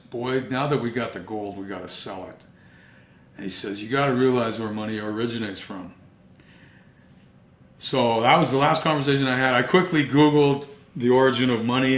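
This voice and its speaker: A man's voice: mid-range voice, fairly bright tone. Earnest man telling his story in a roomy echo. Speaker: speaker recounting his own investigation. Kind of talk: first-person storytelling monologue.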